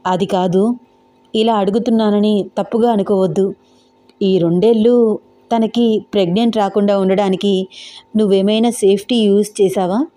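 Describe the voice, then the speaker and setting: A woman's voice: mid-range voice, fairly even intonation, moderate pace, dark tone, lightly acted. A woman voicing an anxious young husband who keeps questioning himself, in a storybook reading. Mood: awkward.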